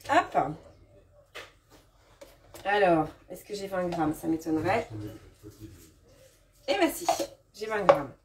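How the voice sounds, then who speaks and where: A woman's voice: medium pitch, background noise. A woman demonstrating a recipe in her kitchen during a live stream, chatting casually with many fillers and restarts and replying to viewers' comments. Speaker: cooking demonstrator. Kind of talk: live cooking demo chat. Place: home kitchen. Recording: distant mic with kitchen clatter. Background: clinking dishes and utensils.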